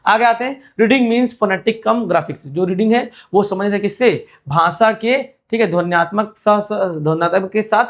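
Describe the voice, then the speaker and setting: A man teaching an exam-prep class in a fairly high voice. He walks through each point by asking a question and answering it himself, then says it again. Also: normal speed, hardly any pauses.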